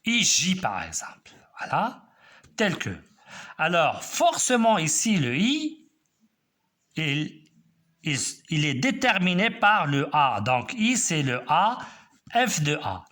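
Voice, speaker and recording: Male math teacher, classroom lesson, step-by-step explaining, bright voice, very lively pitch. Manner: slow, explaining step by step, checking with students.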